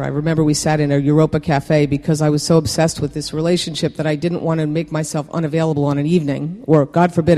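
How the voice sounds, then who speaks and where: The long reverb of a meeting hall surrounds a man recounting his recovery to the group. He is frank and self-deprecating, stopping and starting often with plenty of fillers, and his dark-toned voice sits a little above the typical male range.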